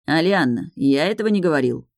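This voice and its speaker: A woman's voice: low-pitched, lively intonation, brisk, creaky, dry recording, clean studio sound. A woman voicing a stern, weary young duke who speaks in cold, clipped tones. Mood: stern, steely.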